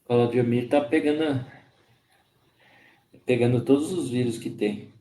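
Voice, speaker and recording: A man hosting a live stream with a cold, his voice hoarse, greeting viewers by name in a slow, friendly way. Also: medium pitch, warm tone. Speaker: host of a spiritist live stream. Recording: echoey room.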